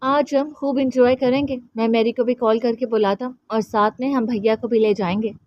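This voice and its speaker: A woman voicing a doting young uncle who speaks gently and coaxingly to his nephew. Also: a little high, steady tone, moderate pace, no echo, muffled recording, natural voice. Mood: fond.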